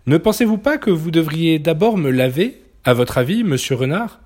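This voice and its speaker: A man's voice: on the high side, animated, moderate pace, a little mellow, pitched above the performer's own voice. A man doing a sly, polite little piglet. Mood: coaxing. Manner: sly, courteous, wheedling. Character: clever polite young male piglet.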